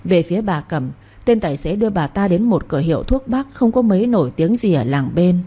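Brief: woman storyteller, low husky voice, steady narration. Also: fairly quick.

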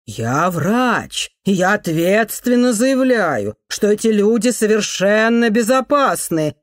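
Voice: medium pitch, big pitch swings, measured pace, dry recording, studio quality, pitched above the performer's own voice. A reader voicing a flustered male doctor in an audiobook, raising his voice to be heard over a crowd. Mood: insistent. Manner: pleading, shouting. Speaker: hospital department head.

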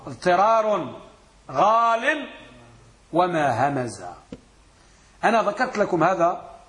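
A man teaching a classroom grammar lesson as a sheikh, quizzing his students and repeating questions, answers and lines of verse. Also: a little high.

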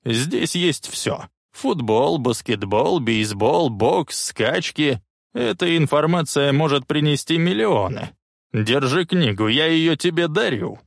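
A man doing Biff, a shrill wheezing old crank. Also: expressive, slow, gravelly, no room sound, studio quality, exaggerated voice. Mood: insistent. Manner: scolding, insistent, shrill when angry.

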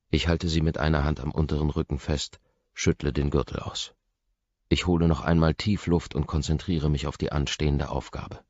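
Male audiobook narrator, extremely low and husky, reads in an intimate, hushed voice; dull, dry recording. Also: dry recording. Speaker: audiobook reader. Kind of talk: first-person audiobook narration.

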